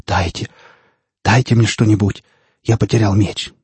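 A wounded mercenary in a panic, as a male narrator voices him. He groans and shouts his warnings urgently in a low, raspy voice, recorded dry. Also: steady tone, a little slow, dry recording. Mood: desperate.

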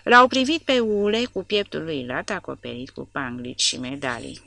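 Low, gravelly-voiced woman narrator. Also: pushed and bright, no echo. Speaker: audiobook narrator. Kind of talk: scripted audiobook narration.

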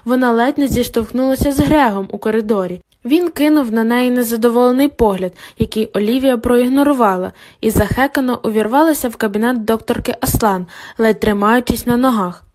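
A woman reading an audiobook in measured, scripted storytelling narration. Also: fairly high pitch, a little mellow.

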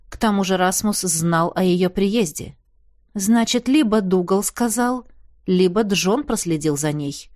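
Woman reading an audiobook, steady and even, dry close mic. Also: mid-range voice, dry recording. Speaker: audiobook narrator. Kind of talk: scripted narration.

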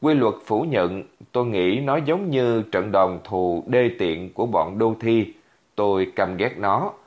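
A man with a lowish voice narrates a first-person tale in a vivid, dramatic way. His pitch moves with lively swings. The recording is dull and lo-fi.

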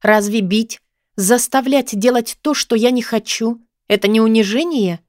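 A woman's voice: lively intonation, normal speed, no room sound, studio quality. Frightened defiant young student girl, read by a woman. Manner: pleading and protesting, high and tense.

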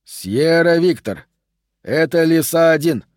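A man's voice: a little high, measured pace, a little mellow, dry recording, studio quality, pitched above the performer's own voice. A man reading an audiobook, voicing a young soldier calling urgently over a field radio. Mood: agitated. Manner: agitated, urgent.

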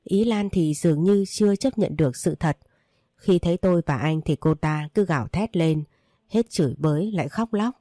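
A woman narrating an emotional story in a steady reading style. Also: fairly low pitch, normal speed, no echo, studio quality.

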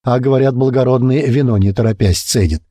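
A man voicing a cheeky, sneering male rogue in an audiobook, his voice pushed higher and more excited. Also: fairly quick, no echo, studio quality, close to an everyday voice. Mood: mocking.

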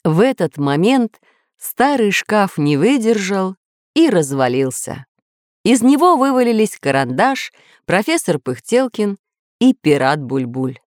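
Brief: lively woman storyteller, animated pitch, dry close mic. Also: unhurried, no room sound. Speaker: audiobook narrator. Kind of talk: children's storybook reading.

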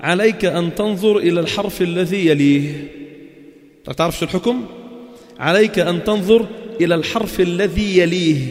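A man with a Levantine Arabic accent teaching a class on Quran recitation rules, chanting verses slowly and then explaining briskly with questions to his students. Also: high voice. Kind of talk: religious lesson to a class. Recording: long hall reverb.

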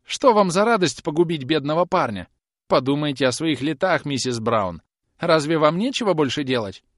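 A man's voice: fairly high pitch, lively intonation, normal speed, a bit bright, dry recording, clean studio sound, voice pushed up. Man doing a whining, panicky young lad. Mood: pleading. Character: whining frightened young male errand lad. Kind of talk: audiobook character voice.

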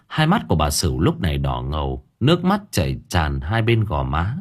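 A man narrating an audiobook story with dramatic, expressive delivery. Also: rumbling low, normal speed, breathy edge.

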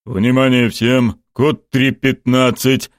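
A man's voice: mid-range voice, flat delivery, slow pace, dry recording, clean studio sound, pitched above the performer's own voice, close to an everyday voice. A man voicing a male general barking curt orders in an audiobook. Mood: commanding. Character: commanding male general on a radio.

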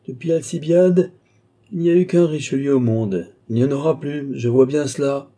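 A man reading an audiobook, voicing an old, scheming nobleman marshal who mocks and bursts into sharp exclamations. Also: medium pitch, moderate pace, pitched above the performer's own voice, lightly acted. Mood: exclaiming. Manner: exclamatory, mocking, rising to sharp outbursts. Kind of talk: audiobook reading of a classic novel.

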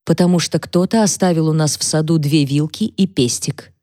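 A woman's voice: low-pitched, mellow, dry recording, studio quality, natural voice. A woman voicing a composed housewife who speaks in a level, careful way. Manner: level, measured, restrained.

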